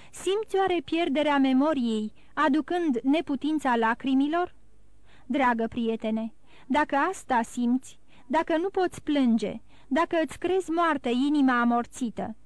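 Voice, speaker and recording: A woman reading an audiobook, voicing a grave, wise older count who speaks slowly and solemnly. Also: sits high, dry recording, lightly acted. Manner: slow, solemn, counseling.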